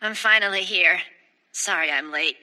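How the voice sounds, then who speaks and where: A man playing an excitable, grumbling teenage schoolboy in an English anime dub, theatrical and exasperated. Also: sits high, normal speed, background noise, lightly acted. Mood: weary grumbling. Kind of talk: English-dubbed anime acting.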